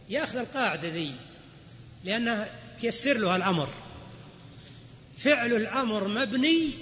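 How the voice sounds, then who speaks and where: A high-voiced man gives a grammar lecture in a large hall. He explains each rule and then quizzes his students. The recording is dull and lo-fi, with long reverb and a faint hiss. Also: a bit bright. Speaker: Islamic scholar teaching grammar. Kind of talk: classroom lecture.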